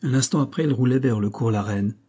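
Male audiobook narrator, steady and measured, dark husky tone. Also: mid-range voice. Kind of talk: scripted narration.

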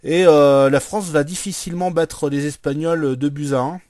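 A man hosting a casual football podcast, recapping in a hesitant, halting way with lots of conversational tags. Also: fairly high pitch, fairly even intonation, darkish tone, slight background noise. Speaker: podcast host. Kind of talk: casual chat recapping retro football matches.

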